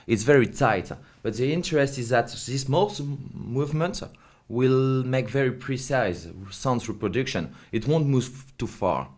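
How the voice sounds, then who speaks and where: A company representative, interviewed about a product, explains it in a mid-range, expressive male voice that is a little slow and a little mellow. His English is hesitant, with non-native phrasing.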